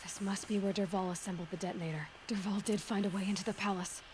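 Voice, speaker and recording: A woman's voice: medium pitch, fairly even intonation, fast talker, darkish tone, slight background noise, lightly acted. An actress playing a determined, self-reliant young huntress in a video game, matter-of-fact as she thinks aloud. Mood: focused. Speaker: game heroine.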